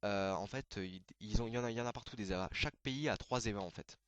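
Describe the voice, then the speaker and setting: A man hosting a casual anime video, explaining terms in a hesitant way, full of fillers and quick self-corrections. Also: on the low side, clean tone, no room sound, dull audio.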